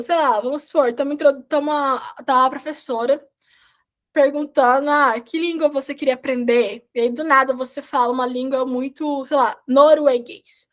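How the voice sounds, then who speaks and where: A woman's voice: high-pitched, a bit bright. A woman whose first language is Portuguese, teaching a recorded beginner Spanish lesson in a chatty, explanatory way and often checking in with her students.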